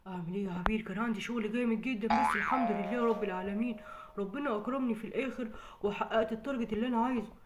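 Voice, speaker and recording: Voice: mid-range voice, very fast, very noisy, lightly acted. A performer with an Egyptian accent playing a cheerful, chatty family father in a home skit. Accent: Egyptian Arabic.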